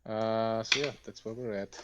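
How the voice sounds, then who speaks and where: A man chatting casually as a player in a tabletop game, relaxed and easygoing. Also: lowish voice, moderate pace, lo-fi sound, very noisy.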